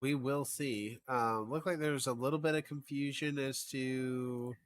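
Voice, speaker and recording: A man's voice: mid-range voice, steady tone, unhurried. A man casting an esports match in a casual, chatty way, often thinking aloud and trailing off. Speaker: esports caster.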